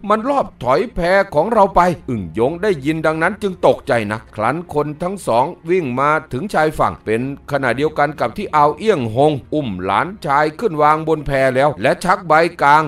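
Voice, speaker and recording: A man narrating an audiobook of a martial arts novel in a steady storytelling cadence. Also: on the high side, a little fast, few pauses. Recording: distant mic with faint music.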